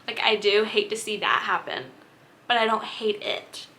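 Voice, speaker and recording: A woman's voice: medium pitch, fairly even intonation, moderate pace, sharp tone, a little hiss or hum. A young woman chatting candidly about books she has read, with plenty of fillers. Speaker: book vlogger. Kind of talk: casual chat.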